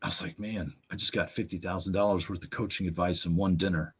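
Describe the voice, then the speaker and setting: A man as a guest on an interview show, telling personal stories with animated, acted-out quotes. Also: deep voice, fast, slightly rough. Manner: animated storyteller, acts out quotes in raised voice. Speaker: podcast guest. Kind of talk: storytelling conversation.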